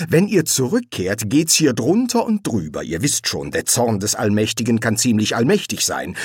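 A man voicing a fussy, anxious, soft-hearted male angel who hesitates and stammers in an audiobook reading. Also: on the high side, breathy edge, no room sound, clean studio sound, voice pushed up.

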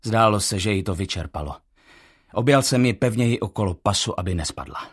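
Low-voiced guy reading an audiobook, husky, steady and tense. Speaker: audiobook narrator. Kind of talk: first-person audiobook narration.

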